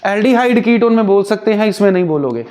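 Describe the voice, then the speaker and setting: A man's voice: high voice, animated, fast talker, a little mellow. A male chemistry teacher, explaining step by step and asking and answering his own questions. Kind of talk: Hindi-English chemistry lecture.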